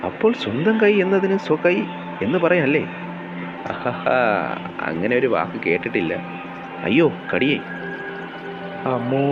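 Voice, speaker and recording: A man reading a children's comic story aloud, switching lively between character voices. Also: mid-range voice. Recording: dull lo-fi with clear music.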